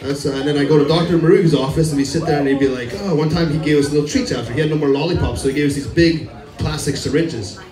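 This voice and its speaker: A man's voice: fairly high pitch, fast talker, recorded from a distance. A man doing a loose, self-mocking stand-up set on a club stage, rambling and laughing at his own jokes. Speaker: stand-up comedian. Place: comedy club stage before a live crowd. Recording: roomy club audio from afar, crowd laughter.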